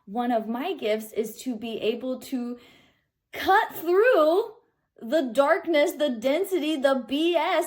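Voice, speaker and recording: An American woman in her thirties from Kansas City, a spiritual speaker and host, offers an informal reflection with earnest emphasis, often checking in with her listener. Her voice is a little high with a darkish tone.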